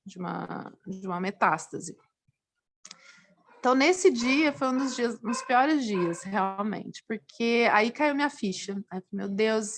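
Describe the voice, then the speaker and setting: Expressive Brazilian woman, higher voice. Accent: Brazilian Portuguese. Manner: earnest, expressive, pitch swinging up with feeling. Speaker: nurse, talk show guest. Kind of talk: personal story in a TV interview.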